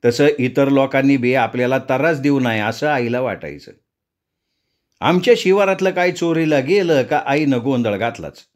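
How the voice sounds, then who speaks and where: A man narrating a story in a folksy rural dialect, recounting events at a measured pace. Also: mid-range voice.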